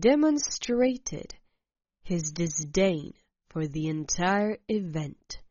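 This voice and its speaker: A woman narrating a first-person story in a measured, deliberate way. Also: lowish voice, darkish tone, no room sound, muffled recording.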